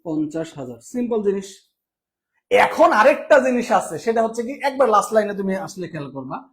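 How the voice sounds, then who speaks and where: A man from Bangladesh delivers an exam-prep accounting lecture. He moves at a fast clip, firing questions at students and answering them himself in a teaching tone. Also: high-pitched, very animated.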